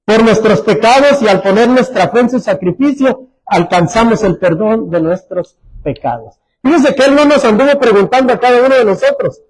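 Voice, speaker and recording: A man preaching a sermon as pastor, Mexican Spanish accent, repeating phrases and dropping to soft, low tones for emphasis. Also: animated, normal speed, low-quality recording. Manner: repeats phrases, restarts words.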